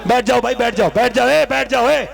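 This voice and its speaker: A male preacher delivers an impassioned sermon to a large gathering. His voice sits very high and carries a rough, gravelly fry. He pleads, scolds and at times rises into shouts. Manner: fervent, rising to shouts, scolds the crowd.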